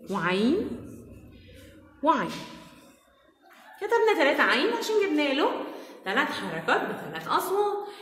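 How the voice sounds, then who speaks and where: High, lively Egyptian woman teaching kindergarten. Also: a little hiss or hum. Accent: Egyptian Arabic. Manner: slow, sing-song drilling of sounds and words. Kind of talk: recorded phonics lesson for young children. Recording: echoey room with long reverb.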